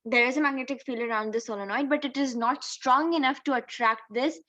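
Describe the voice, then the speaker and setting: Brisk and high-voiced, this woman teaches physics in an explanatory way, working through each step and posing questions as she goes. Her tone is fairly bright, heard through a dull lo-fi mic.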